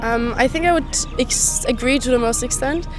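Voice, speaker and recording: A relaxed Austrian woman in her twenties, travelling, answers street interview questions in a high-ish voice at a moderate pace, sprinkling in plenty of "like" and "you know." Clear music plays behind her.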